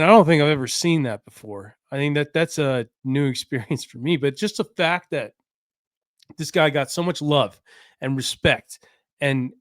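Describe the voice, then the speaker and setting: A man's voice: on the high side, dry recording, clean studio sound. A man hosting a casual solo sports podcast, talking in a loose, rambling way with lots of fillers and restarts.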